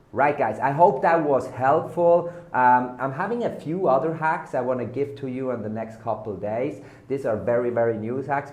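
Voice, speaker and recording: An online marketing vlogger, a native German speaker with an accent, pitches casually to the camera in a mid-range, darkish voice. His hyped, salesy talk leans on repeated buzzwords, and the room sounds echoey.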